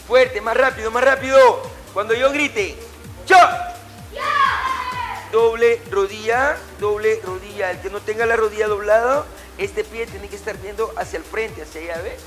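A middle-aged man with a fairly bright, high-sitting voice teaches martial arts, barking commanding, short, repeated orders and corrections as he calls out drills to a class in an indoor gym with a matted floor.

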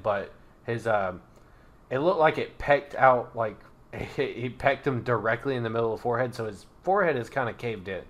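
A blunt town guard, worn down by the town's troubles, rambles on in a bright, forward voice, played by a man running the game. He talks at an ordinary middle pitch, exasperated and plain. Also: lightly acted. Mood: matter-of-fact. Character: male town guard captain, harried and blunt.

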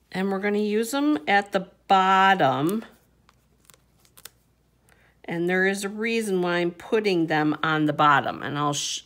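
A woman with a medium-pitched, slightly bright voice gives a hands-on papercraft tutorial at her craft table. She chats casually as she goes, using fillers and little hums.

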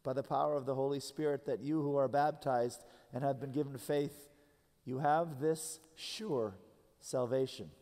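A man's voice: medium pitch, fairly even intonation, warm tone. Man preaching in a reverberant church. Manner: earnest preaching with slow, stressed phrases. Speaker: pastor. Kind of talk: sermon. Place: large church sanctuary. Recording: long hall reverb from a church sanctuary.

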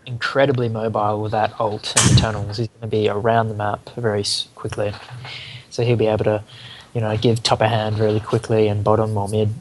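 A man's voice: on the low side, level tone, a little fast, noisy background. A teenage boy with an Australian accent, casting a school esports match and chiming in agreeably. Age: teens. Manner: agreeable, chiming in with short replies. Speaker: student shoutcaster. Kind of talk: casual esports commentary.

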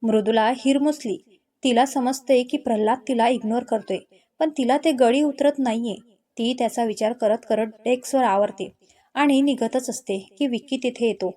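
A woman storyteller reading a scripted love story in a gentle, descriptive way. Her voice sits fairly high yet sounds soft and mellow. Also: moderate pace.

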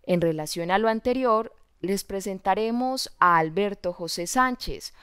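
A woman delivers a scripted news introduction in a formal, announcer-like manner. Her voice is smooth and resonant. It is recorded close and dry, with no room sound. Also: mid-range voice, measured pace, a bit bright, no room sound. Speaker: voice interpreter for a news presenter.

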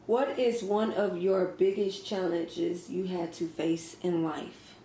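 A woman in her thirties speaks slowly in a lowish, dark voice with fairly even intonation. Eating on camera as a mukbang vlogger, she runs a casual Q and A, laughing frequently and talking between bites. A fixed camera across the table picks her up in an echoey indoor kitchen with faint ambient noise.

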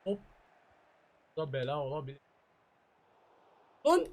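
A man's voice: on the high side, big pitch swings, measured pace. A gaming YouTuber reacting to his own soccer video game match, muttering in frustration and taunting his opponent. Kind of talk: live gameplay commentary.

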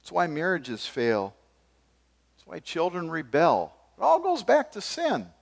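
An older man preaching a sermon from a church pulpit, gesturing as he moves between forceful emphasis and sudden quiet asides. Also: a little high, huge pitch swings, unhurried, vocal fry. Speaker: pastor. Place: church stage behind a wooden pulpit.

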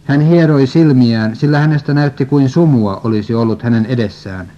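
A man steadily reading a religious prophecy story and scripture aloud, at an even pace, on a dull lo-fi recording. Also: medium pitch. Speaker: reader.

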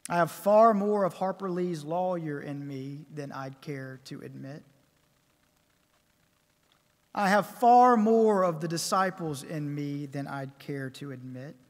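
A man preaching a sermon at a pulpit microphone, measured and emphatic, building his points with repeated phrases. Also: a little high. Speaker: pastor. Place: church sanctuary. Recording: long church reverb.

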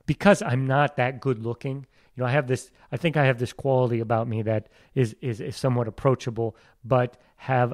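Man from iowa, actor guest, reflective, self-deprecating, mid-pitched, dry close mic. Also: a little mellow, no room sound. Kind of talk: casual interview talk.

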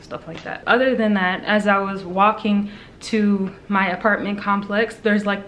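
A woman vlogger chatting casually to her camera, telling stories in an animated way and laughing often. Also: medium pitch, a little hiss or hum. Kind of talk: casual vlog chat. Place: at home and around her apartment. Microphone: handheld camera.

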